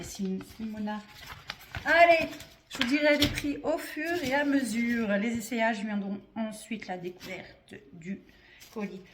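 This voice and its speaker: A woman's voice: on the high side, slight background noise. Chatty woman unboxing clothes. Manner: chatty and playful, talking to viewers. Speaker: vlogger reviewing a clothing box. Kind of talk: casual unboxing chat.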